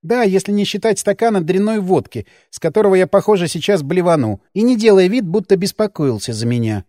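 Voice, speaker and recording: Give me a man playing a cocky teen girl fighter, sardonic and cold, in a higher dry voice. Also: animated, brisk, dark tone, no echo. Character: teenage girl, sharp-tongued vengeful fighter. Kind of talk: audiobook character voice.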